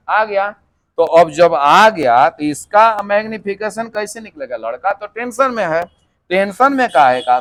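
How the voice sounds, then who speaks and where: A man teaching a physics lesson for exam preparation, mixing in English terms and answering his own questions. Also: sits high. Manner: lively, mixes English terms, asks and answers himself.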